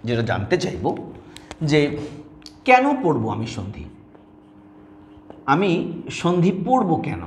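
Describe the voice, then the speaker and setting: A man's voice: fairly high pitch, slight background noise. A man teaching a grammar lesson, explaining step by step and asking students to say words aloud. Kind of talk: classroom video lesson. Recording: echoey room.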